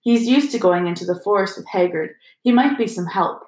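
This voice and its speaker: A woman's voice: medium pitch, lively intonation, a little fast, a little mellow, natural voice. A woman reading the part of a determined teenage boy wizard who speaks firmly, in an audiobook. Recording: roomy echo.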